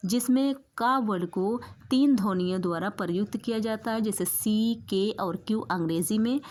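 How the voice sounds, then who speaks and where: A woman's voice: mid-range voice, normal speed, darkish tone. A woman teacher explaining exam material in a lecture, repeating key points for her students and mixing words into her talk.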